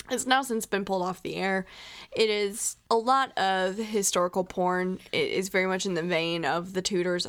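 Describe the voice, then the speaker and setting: A woman's voice: mid-range voice, a bit bright. A woman co-hosting a podcast in casual chat, chatty and self-deprecating. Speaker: podcast co-host.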